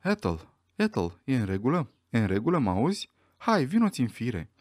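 A man reading an audiobook voices a frightened butler who anxiously protests his innocence, his voice pushed higher than his narration. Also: big pitch swings, darkish tone, dry recording, studio quality. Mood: worried. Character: frightened middle-aged male butler, pleading.

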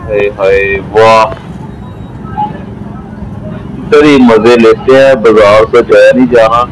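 A man slowly narrating a casual vlog outdoors beside a flooded road, marveling at the scene. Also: fairly low pitch, a crowd in the background, rough recording. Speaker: vlogger narrating.

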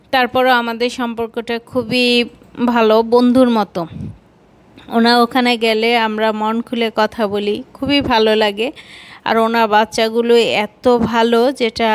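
A woman's voice: on the high side, clean tone. A woman with a Bangladeshi accent giving casual vlog narration. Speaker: vlogger.

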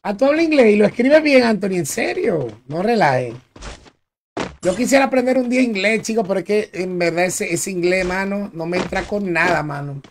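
A man's voice: high-pitched, lively intonation, moderate pace, slight background noise. Chatty young streamer guy. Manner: chatty, joking, reads and answers viewers. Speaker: game streamer. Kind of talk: casual live-stream chat while playing.

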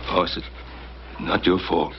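An actor playing a steady, consoling middle-aged ranch father in a 1960s TV western, with a North American accent and a measured, authoritative manner. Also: natural voice. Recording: muffled old TV soundtrack, clear hiss.

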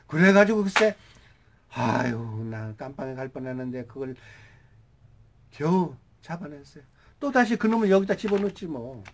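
Rough-talking older man telling stories. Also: fairly high pitch, lively intonation, normal speed, long pauses, slight background noise. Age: 60s. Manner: rough-spoken, swearing, bursts into shouting when quoting. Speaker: channel host. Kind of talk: casual spoken storytelling.

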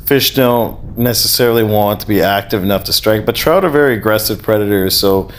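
Man calmly explaining a fishing technique. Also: lowish voice, fairly quick, slight background noise. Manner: calm, practical, explains step by step. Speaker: fishing vlogger. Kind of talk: explanatory voice-over narration.

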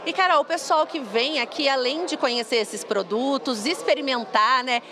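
A woman's voice: sits high, normal speed, a crowd in the background, noisy background. A young woman, reporting live and interviewing at an indoor fair in an upbeat, chatty way. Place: busy indoor food fair. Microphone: handheld reporter mic.

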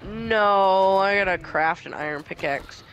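A woman's voice: mid-range voice, measured pace, fairly bright tone, highs cut off, a little hiss or hum. A woman chatting casually while streaming a game, talkative and profane, ranting about small annoyances. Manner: chatty, swears freely, ranting complaints. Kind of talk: casual chat while gaming.

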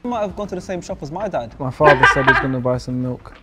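A man's voice: medium pitch, animated, fast, heavy background noise. A man making dry wisecracks during a group game. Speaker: panelist. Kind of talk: casual banter.

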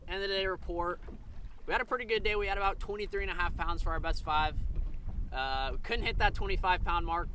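Young man, casual fishing vlog, slightly high voice, chatty, outdoor camera mic, light wind noise. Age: 20s. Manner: loose and chatty, addresses viewers as folks. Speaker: fishing vlogger. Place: outdoors on a bass boat on a lake. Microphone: camera mounted on the boat, close framing.

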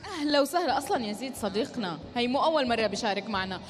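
Female co-host for a live game show, Levantine Arabic accent, high-pitched, fast delivery on a handheld mic. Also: expressive. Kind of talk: live game show presenting, chatting with contestants. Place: stage in a large indoor shopping mall. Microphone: handheld microphone.

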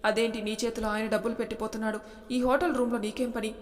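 A woman's voice: on the high side, flat delivery, fast, close to an everyday voice. A woman reading as an earnest young husband. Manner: earnest, questioning. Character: young husband, trusting then angry. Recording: long reverb.

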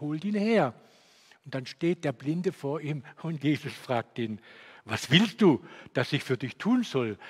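A middle-aged man preaching a sermon, telling stories with lively delivery and acting out the voices he quotes. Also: a little high, husky. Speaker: lay preacher. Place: church. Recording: church hall reverb.

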